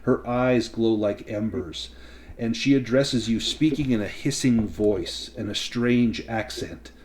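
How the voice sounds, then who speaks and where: A man running a tabletop role-playing game, narrating and explaining rules in a measured way. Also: mid-range voice, a little mellow. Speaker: game master.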